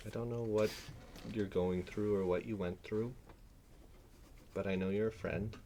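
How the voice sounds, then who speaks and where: A man roleplaying a gentle, reassuring friend who speaks softly and consolingly. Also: fairly low pitch, steady tone, a little slow, a little hiss or hum, lightly acted. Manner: soft and consoling. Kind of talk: in-character roleplay.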